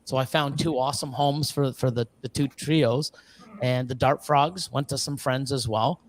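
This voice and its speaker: A man's voice: medium pitch, steady tone, moderate pace, a little hiss or hum. A man chatting casually as a guest about breeding reptiles, rambling with lots of fillers, restarts and the odd curse. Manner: swears casually. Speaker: guest, ball python breeder. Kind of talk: casual live-stream chat. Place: reptile facility in Ontario.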